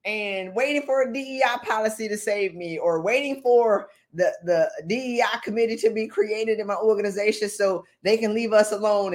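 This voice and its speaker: A middle-aged woman speaks as a motivational speaker in a mid-pitched voice. Her delivery is informal and direct, blunt and emphatic, and she often repeats key phrases for effect.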